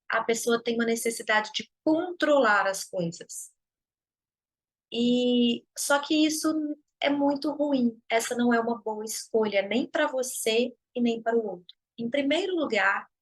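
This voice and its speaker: A woman's voice: on the high side, rough recording. A woman with a Brazilian Portuguese accent hosting a live stream of advice, talking casually and acting out everyday dialogues. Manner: chatty, uses many tag questions and acts out everyday dialogues. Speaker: host of a self-development live stream. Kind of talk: conversational advice talk.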